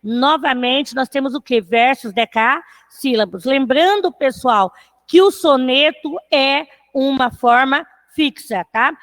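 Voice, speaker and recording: High-voiced teacher woman. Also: fairly bright tone. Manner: talks to students, with a tag question after most phrases; counts syllables aloud slowly. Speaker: literature teacher. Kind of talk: online class lecture.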